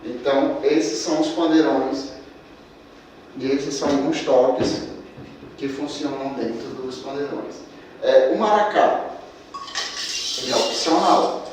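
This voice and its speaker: In this instructional demonstration, a percussion teacher from Maranhão, Brazil counts beats out loud as he shows the drums, his mid-range, slightly mellow voice moving at a measured pace with frequent pauses. There's a little hiss or hum. Percussion instruments sound behind him in an echoey room, captured by a distant mic.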